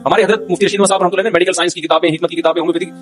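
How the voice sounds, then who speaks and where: Middle-aged cleric guy, high voice, talks fast and jokey, storytelling. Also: steady tone, soft background music. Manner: humorous, anecdotal, chuckles while telling stories. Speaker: Islamic cleric giving a talk. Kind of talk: informal religious talk.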